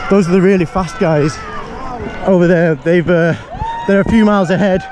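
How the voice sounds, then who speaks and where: High-voiced British man vlogging while running. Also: moderate pace, crowd noise. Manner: talking while running, with effort; upbeat, jokey. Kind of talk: casual vlog commentary to camera. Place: outdoors on city marathon streets among crowds. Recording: outdoor street noise, loud music, cheering crowds.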